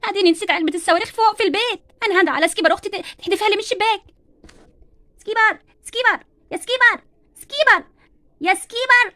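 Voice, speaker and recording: Brief: woman voicing a cheeky Egyptian schoolgirl doll, very high and bright, rattles lines off fast. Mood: worried. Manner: cheeky, defiant, quick-talking. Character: mischievous bratty schoolgirl doll. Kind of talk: doll-play storytelling.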